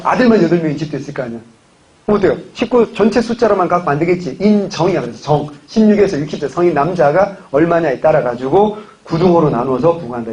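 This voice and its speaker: A man's voice: a little high, a little mellow, lo-fi sound. A man lecturing on history in a classroom, chatty, with joking asides to his students. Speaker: civil service exam history lecturer.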